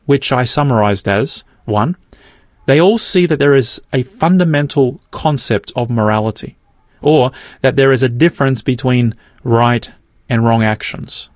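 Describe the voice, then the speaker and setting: A middle-aged man reads his podcast narration in a measured, earnest way. His voice sits at an ordinary pitch. It is recorded dry and close, with no room sound. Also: no echo. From Australia. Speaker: podcast host. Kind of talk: scripted narration.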